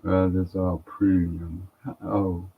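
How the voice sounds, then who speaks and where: A man streaming live as a trader, chatting offhand and thinking aloud while he tries out new software. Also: deep voice, level tone, takes it slowly, breathy edge. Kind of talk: casual live commentary. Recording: tinny phone-like sound.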